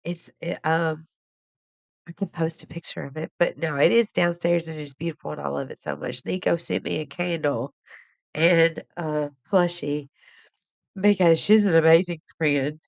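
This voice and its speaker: A woman's voice: low voice, steady tone, normal speed, gravelly, dry recording. A woman hosting a casual live stream, chatting in a rambling way and laughing often. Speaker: livestream host.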